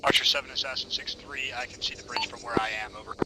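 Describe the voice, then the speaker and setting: A man's voice comes through a walkie-talkie, giving terse radio reports and map grids in a steady, middle-pitched tone. His delivery is narrow and flat, like practiced radio discipline. Thick background noise covers the transmission. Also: quick pace. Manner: clipped radio call-outs, ending with "over". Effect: heard over a walkie-talkie radio. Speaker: player on a squad radio net. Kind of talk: military radio procedure in a tactical game.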